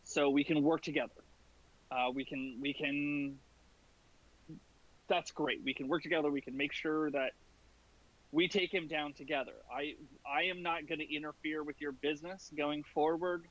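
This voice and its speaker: A man playing a tabletop role-playing game, talking casually and haltingly as he improvises. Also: fairly high pitch, steady tone, a bit bright, lo-fi sound.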